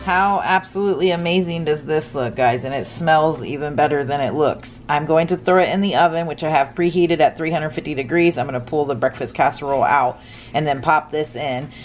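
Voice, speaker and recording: This middle-aged woman, a cooking vlogger, narrates her home cooking from the kitchen in a chatty, cheerful voice-over, explaining every step. She speaks low and slightly fast, with faint music playing behind her.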